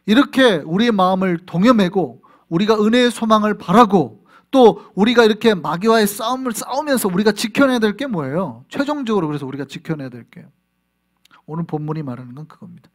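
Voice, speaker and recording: A male pastor delivers an animated sermon, acting out little scenes and asking the congregation rhetorical questions. His voice sits high and he talks a little fast.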